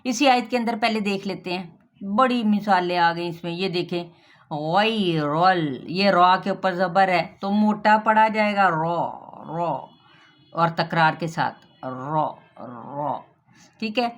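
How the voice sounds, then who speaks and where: A woman with a Pakistani Urdu accent teaching Quran recitation rules, patiently explaining step by step and drilling each sound slowly. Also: medium pitch, steady tone. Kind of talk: tajweed lesson with recitation.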